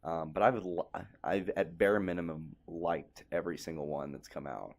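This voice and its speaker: This podcast co-host is a young man whose low, darkish voice moves at a normal pace. His casual chat is laid-back and wandering, with frequent laughter.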